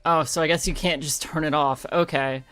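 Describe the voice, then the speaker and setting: A young woman streams a game and chats casually with her viewers, laughing a lot and swearing freely while congested with a sore throat. Her voice sits low and steady at a normal pace, with a fairly bright, clean tone. Faint game music plays behind her.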